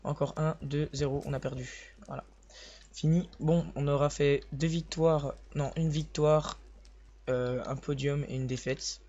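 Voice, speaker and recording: A young man with a sore voice, speaking softly and hesitantly as he comments on his own gameplay, often restarting his sentences. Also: a little high, steady tone, unhurried. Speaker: gaming video host. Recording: slightly dull lo-fi recording with faint hiss.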